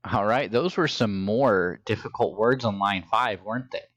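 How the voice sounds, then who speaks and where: A man's voice: on the low side, normal speed, a bit bright, no room sound, highs cut off. A man teaching a phonics and reading lesson to young children, with patient, encouraging instructions.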